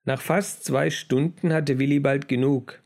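Slow, measured male storybook narrator. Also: mid-range voice, fairly even intonation, gravelly, a little mellow. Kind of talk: audiobook narration.

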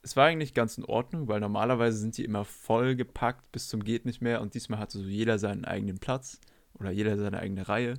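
A man's voice: on the low side, fairly even intonation, quick pace. A man from Germany co-hosting a casual podcast, laughing often and egging his co-host on before telling his own story.

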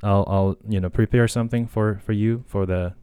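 On his own podcast, a Japanese language tutor and host chats casually and hesitantly in a Japanese accent, with plenty of fillers and restarts. His voice is lowish, dark and smooth, with fairly even intonation and a moderate pace.

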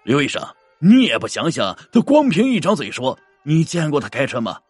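A man's voice: medium pitch, big pitch swings, a little fast, pushed and bright, breathy edge, no echo, faint music behind, heavily acted. A man voicing a short-tempered middle-aged male ambulance driver, snapping back irritably. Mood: irritated.

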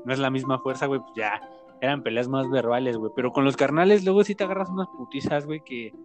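A man in his twenties from Mexico with a Mexican accent, chatting casually with crude slang and animated storytelling. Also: mid-range voice, fast talker, soft background music. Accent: Mexican Spanish. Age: 20s. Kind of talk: casual chat.

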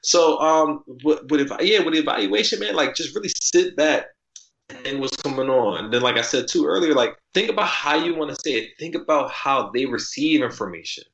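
Male podcast guest, casual and animated, bright tone, heavy slang, dull roomy audio. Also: a little fast. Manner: animated, jumps in pitch, slangy, repeats "like". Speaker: podcast guest, article writer. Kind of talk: casual conversational storytelling.

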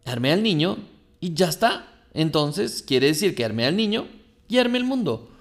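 A man's voice: a little high, sing-song, normal speed. A man doing an eager little boy. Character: excited five-year-old boy.

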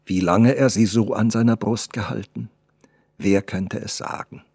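Male storyteller, dark husky tone, dry close sound, measured expressive reading. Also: lowish voice, no room sound. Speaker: audiobook narrator. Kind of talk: scripted narration of a classic novella.

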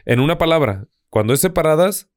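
A young man from Zacatecas with a Zacatecas Mexican accent, co-hosting a casual podcast chat, blunt and quick to swear and laugh. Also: fairly high pitch, expressive. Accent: Zacatecas Mexican Spanish. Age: young adult. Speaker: podcast co-host.

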